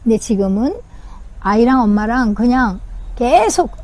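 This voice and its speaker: A woman's voice: fairly high pitch, animated, a little slow, a little hiss or hum. A woman parenting coach giving casual advice outdoors, speaking straight to the viewers as she explains. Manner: warm explaining, addresses viewers directly. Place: outdoors in nature.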